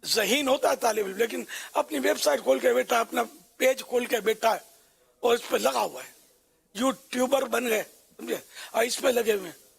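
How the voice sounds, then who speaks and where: Male religious speaker, high and husky, loose and chatty delivery with fillers. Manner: conversational, rambling with fillers. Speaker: religious scholar. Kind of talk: religious talk.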